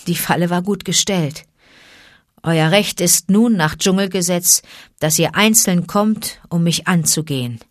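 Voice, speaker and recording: A woman's voice: low-pitched, dry recording, studio quality. Akela, a woman doing a weary old wolf. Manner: tired, dignified speech. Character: old weary grey male wolf leader.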